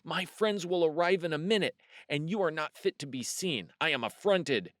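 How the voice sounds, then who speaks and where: A man puts on a prim mother cat from a children's storybook, pitched up from his own voice. She is fussy, proper and bossy, with lively swoops and a dry, close sound. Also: normal speed, dry recording. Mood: affronted. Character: prim, strict mother cat, easily affronted.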